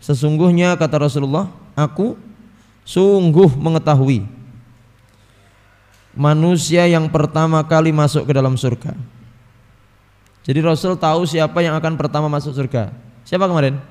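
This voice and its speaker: An ustadz with a Javanese accent teaches a hadith book, reciting Arabic text and explaining it in a relaxed, chatty manner, addressing his listeners as Bapak Ibu. His voice is a little high and moderately paced, with long pauses and frequent throat-clearing. The sound carries the echo of a big room.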